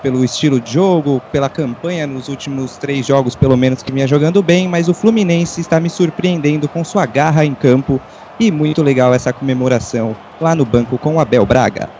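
A Brazilian man offers live football analysis on the radio. His tone is dark and mellow, and the recording is dull with faint noise behind it. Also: mid-range voice, brisk.

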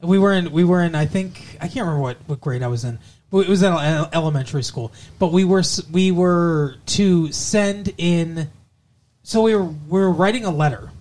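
A man's voice: a little high, normal speed, a little mellow. A man co-hosting a podcast in casual chat, goofy and rambling, swearing freely. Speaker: podcast co-host.

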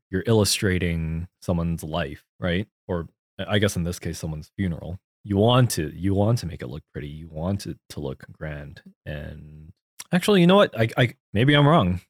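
A man's voice: low voice, a little mellow, no room sound, studio quality. A man co-hosting a podcast, talking loosely in casual conversation, second-guessing himself and cursing offhand. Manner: loose, self-doubting, swears casually. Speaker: podcast co-host.

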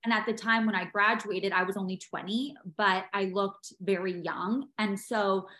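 A woman's voice: mid-range voice, fairly even intonation, moderate pace, bright, forceful tone. A young woman guest in a casual interview, upbeat and chatty, filling her sentences with "like". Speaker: guest, fitness studio owner.

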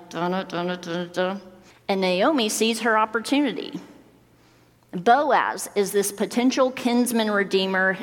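A young woman preaching a casual, joking sermon as a church youth minister. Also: medium pitch. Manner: playful, joking asides. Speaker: minister of students and young adults. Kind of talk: conversational sermon. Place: large church sanctuary. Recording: long hall reverb.

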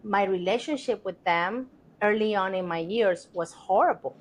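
A middle-aged Colombian woman who speaks Spanish talks at a normal speed in a medium-pitched voice. She is a podcast guest sharing her story in casual interview fashion, earnest and reflective, with lots of filler words.

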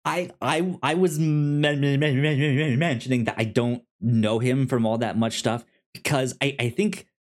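A podcast co-host with a steady, mid-range voice chats casually and enthusiastically about films. He speaks haltingly, often stammering, stumbling and restarting his words.

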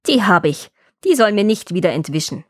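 A woman's voice: fairly high pitch, animated, normal speed. A woman voicing a wicked old witch. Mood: gloating. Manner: gruff, scolding, bossy. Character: wicked old child-eating witch, cunning and harsh. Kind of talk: storybook reading.

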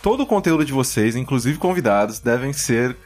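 A mid-pitched man from São Paulo reading listener questions on a comedy podcast, his voice rising and falling widely. He swears casually and breaks into laughter. Faint music runs underneath. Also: expressive, brisk, a little mellow. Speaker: podcast co-host.

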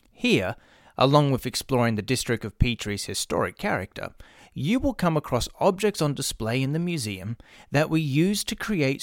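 A middle-aged Australian man, a podcast host and drama workshop creator, reads scripted promotional narration with music playing behind him. His voice sits in the mid-range, and the studio sound is clean with no echo.

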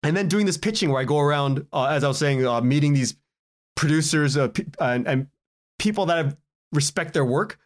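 A Canadian man, guesting on a podcast, tells stories casually and animatedly in an interview, chatting away, chuckling as he talks and acting out the dialogue he quotes. His voice is fairly high, expressive and a little fast.

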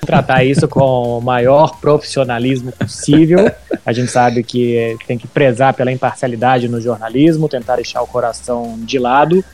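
A man's voice: mid-range voice, steady tone, normal speed, a little mellow, soft background music. A man with a Brazilian accent hosting an informal football podcast and telling anecdotes. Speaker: sports podcast host and journalist.

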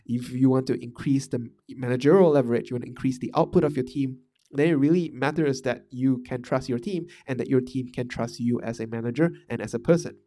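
Speaking a bit quickly with fairly even intonation, a man from Malaysia reflects on management in his podcast. His mid-range voice is warm, and he often restarts sentences and leans on fillers.

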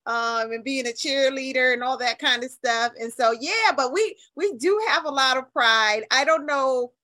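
A middle-aged American woman from New Haven, United States, speaks in a high, sharp-toned voice at a normal pace. A nonprofit leader appearing as a radio interview guest, she tells stories in a chatty, colloquial and emphatic manner during an animated conversation.

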